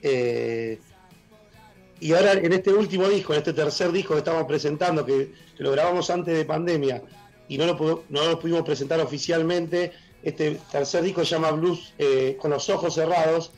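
A middle-aged Argentine man with a worn, husky voice, a blues musician talking enthusiastically on a casual radio interview over a video call. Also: a little high, darkish tone, soft background music, rough recording. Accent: Argentine Spanish. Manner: enthusiastic, halting with fillers. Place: room at home, joining by video call.

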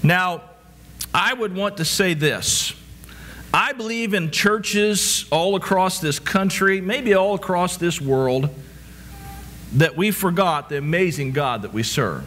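A man's voice: sits high, animated, slow pace, a bit bright. A middle-aged man preaching a sermon from a church stage, asking rhetorical questions and restarting his words as he walks about. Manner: repetitive rhetorical questions, frequent stammered restarts. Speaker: pastor.

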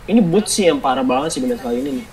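A woman giving excited, casual live commentary on a game match, using slang and repeating words. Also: sits low, rapid-fire. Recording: crowd noise behind the voice.

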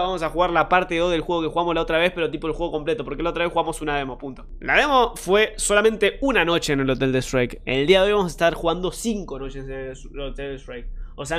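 A man's voice: high-pitched, a bit bright. A young man with an Argentine accent, joking and swearing often as he gives live commentary on a horror game. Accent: Argentine Spanish. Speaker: streamer.

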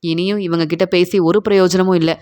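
A woman's voice: fairly low pitch, fairly even intonation, brisk, darkish tone, lightly acted. A woman reading the lines of an older father pleading on his son's behalf, in a retelling of a TV serial scene. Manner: pleading, aggrieved.

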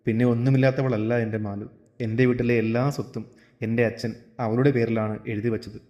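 A calm, detached elderly father, as a male narrator voices him, speaking evenly in a storybook tale. His voice is at a plain middle pitch. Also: fairly quick, dull audio, natural voice.

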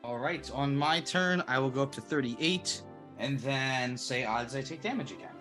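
A man's voice: medium pitch, normal speed, pushed and bright, soft background music. A man playing a card game who announces his moves and grumbles wryly about bad draws. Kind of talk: casual gameplay chat.

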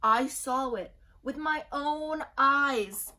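A woman voicing an excitable, panicked little female chick in a storybook, with emphatic, drawn-out alarm. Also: high voice, voice pushed up, heavily acted. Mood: insistent, dramatic.

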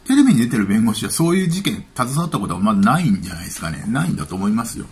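Gravelly man in lively casual commentary. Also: lowish voice, very fast, a little hiss or hum. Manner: chatty, offhand, thinking aloud. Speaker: YouTube commentator.

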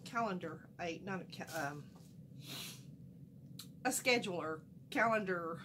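This haul vlogger is a middle-aged woman whose lowish, twangy voice sounds a little stuffed up from a cold, and she speaks at a measured pace. She gushes about her bargain finds in a folksy, chatty, animated way, often drifting off mid-sentence, as if talking to a camera in a small home room. Beneath her voice there's a constant background hiss.

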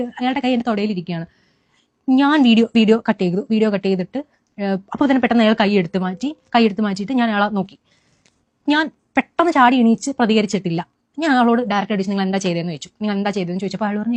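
A young woman giving an animated first-person account to a news interviewer, with frequent restarts and fillers. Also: a little high, dry recording.

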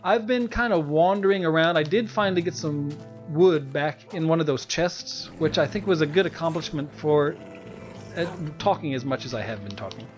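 A man's voice: fairly high pitch, moderate pace, soft background music. A man co-hosting a Let's Play, chatting casually in a rambling, self-mocking way and laughing often. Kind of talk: casual gameplay chat.

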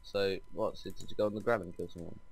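Swearing freely as he plays the block-building game with a friend, this Minecraft let's play host talks fast in a low, gravelly voice with a steady tone. The recording quality is low.

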